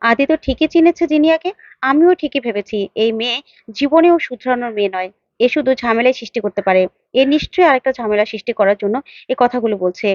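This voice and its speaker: A woman's voice: fairly high pitch, fast talker, darkish tone, no echo, muffled recording, lightly acted. A woman voicing a wary young man brooding over a troublemaker. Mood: suspicious. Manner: suspicious, brooding.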